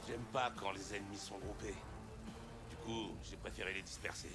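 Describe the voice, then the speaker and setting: A man's voice: lowish voice, fairly even intonation, normal speed, loud music behind the voice, lightly acted. A man playing a cool young mercenary in a video game, dry and wisecracking. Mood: dry, laconic. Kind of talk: video game drama acting.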